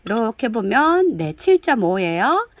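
A woman with a slightly high voice gushes over handmade flowerpots one by one. She chats along as she reads out sizes and prices, sounding thrilled with each pot. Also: big pitch swings, a little slow, dry recording. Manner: gushing, chatty, calls pots "kids". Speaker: pottery shop seller. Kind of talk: product showcase video. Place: indoors, dim room with lights off.

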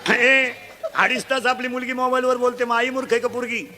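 High, bright-voiced joking preacher man. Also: flat delivery, a little fast, a little hiss or hum. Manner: loud, joking, quizzes the audience; blunt, earthy village humour. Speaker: kirtan preacher. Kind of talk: comic devotional sermon.

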